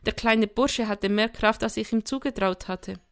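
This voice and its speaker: A woman reading a first-person story aloud in a lively, expressive way. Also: on the high side, normal speed. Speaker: audiobook reader. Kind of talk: first-person scripted narration.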